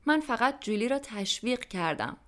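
A woman's voice: on the high side, lively intonation, fairly bright tone. A woman voicing Jamshid, a courteous, hospitable man hosting a dinner, in a scripted language-lesson dialogue. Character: hospitable adult man, the host's husband.

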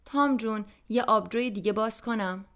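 A woman's voice: fairly high pitch, fairly bright tone. A woman voicing Jamshid, a courteous, hospitable man hosting a dinner, in a scripted language-lesson dialogue. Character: hospitable adult man, the host's husband.

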